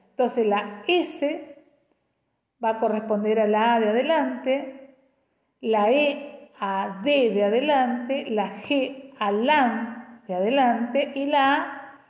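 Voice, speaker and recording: A woman's voice: fairly high pitch, a little mellow. Woman teaching in an echoey room. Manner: explains step by step, often checks in with "¿sí?". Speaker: educational psychologist. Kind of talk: explanatory teaching talk. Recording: echoey room with long reverb.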